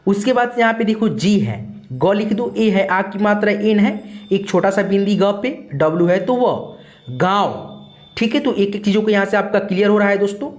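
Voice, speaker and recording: A man's voice: sits high, lively intonation, normal speed. A man teaching an online lesson, explaining letters and spelling step by step in a patient, repetitive way and addressing viewers as friends.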